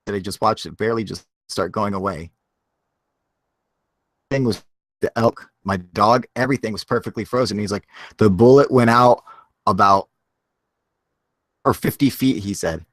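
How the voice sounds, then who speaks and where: A man's voice: on the low side, normal speed, long pauses, a bit bright, dry recording. A man telling a story in a casual, rambling way, full of fillers and frequent laughs.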